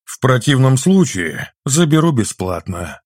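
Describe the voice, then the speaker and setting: A man voicing a grumpy, sarcastic old shopkeeper in an audiobook, grumbling his lines in a higher, louder voice. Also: very animated, measured pace, no echo, studio quality. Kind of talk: audiobook reading.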